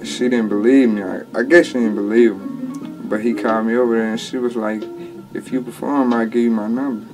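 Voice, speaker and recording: In a low-quality recording from a small home studio, a twenty-year-old rapper responds to interview questions, backed by a music bed. He speaks briskly in a steady, mid-range voice, yet keeps a laid-back drawl full of slang and restarts.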